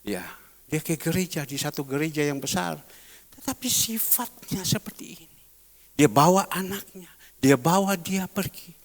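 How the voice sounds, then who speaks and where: A middle-aged man from Surabaya, a pastor giving a sermon, swinging between soft low asides and loud emphatic preaching. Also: normal speed. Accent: Indonesian, Surabaya. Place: large church hall. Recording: reverberant church hall.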